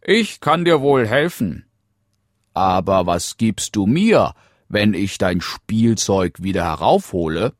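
A man voicing a talking frog in a fairy tale, calling out in a high, loud, drawn-out voice. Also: very animated, no echo, clean studio sound. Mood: coaxing. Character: pleading talking frog from a well, male.

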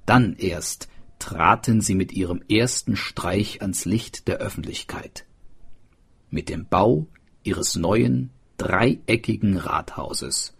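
Slow, expressive male storyteller. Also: low voice, vocal fry, slightly rough. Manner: slow, lively, expressive reading. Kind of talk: scripted storybook narration.

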